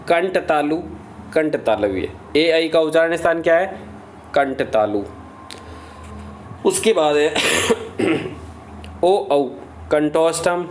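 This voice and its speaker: Man drilling a grammar lesson, slow and steady. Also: on the high side, a little hiss or hum. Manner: recites lists in a steady drilling rhythm, asks and answers own questions. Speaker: teacher.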